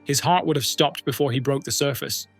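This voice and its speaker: A man's voice: medium pitch, a little fast, gravelly, faint music behind. A man giving scripted documentary narration, telling a true story in a dramatic, suspenseful way.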